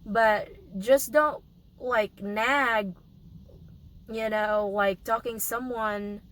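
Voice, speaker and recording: Hoarse and coughing occasionally from a cold, a young woman vlogs a casual update, halting often and starting over. Her tone is a little high, steady and a bit bright, on a rough recording.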